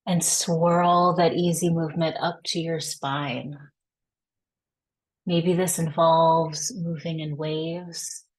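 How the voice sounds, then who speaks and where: This is a body scan practice led by a woman whose voice sits somewhat low. She moves through it at a very slow, unhurried pace, offering every instruction with gentle reassurance, though her delivery is flat.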